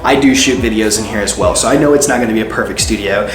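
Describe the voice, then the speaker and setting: A man's voice: lowish voice, fast, music in the background. A man hosting a casual, explanatory vlog in an informal way, recorded in a bare room with a hallway-like echo. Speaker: host, musician and YouTuber. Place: indoors, bare untreated room being made a studio.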